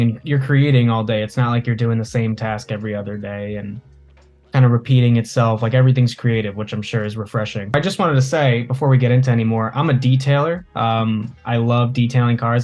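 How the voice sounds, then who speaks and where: A man's voice: medium pitch, steady tone, fast, a little mellow, highs cut off. A man hosting a casual interview, speaking in a friendly and complimentary way and asking open questions. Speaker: host, interviewer.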